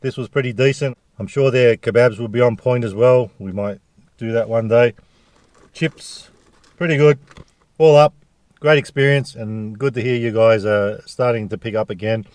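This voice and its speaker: A man's voice: medium pitch, fairly even intonation, moderate pace, a little mellow, dry recording. A man with an Australian accent chatting casually to viewers as a food review vlogger, jokey and full of slang.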